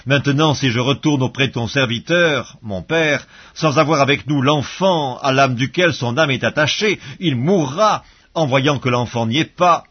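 A man's voice: mid-range voice, normal speed, few pauses, husky, muffled recording, close to an everyday voice. A man reading as Judah, humbly pleading. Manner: humble, beseeching. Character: pleading grown man begging a ruler. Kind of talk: bible reading.

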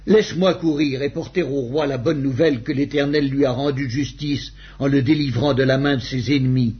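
A man reading the lines of an eager young male messenger in a husky voice. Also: medium pitch, fairly even intonation, brisk. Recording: dull lo-fi recording.

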